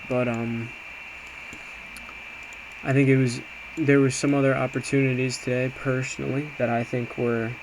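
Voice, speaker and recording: An amateur day trader with a mid-range voice gives an informal recap of his trades, hesitant and self-reflective. He talks casually while walking through a screen. The audio is clear, with background noise that stays steady.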